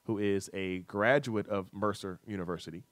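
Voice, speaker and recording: A lower-voiced man runs a sports talk radio show, reading scores and game schedules. He fills gaps with "uh" and keeps the banter light. The sound is dry and close on a studio mic. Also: moderate pace, no echo. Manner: chatty, reads scores with fillers, teasing co-host.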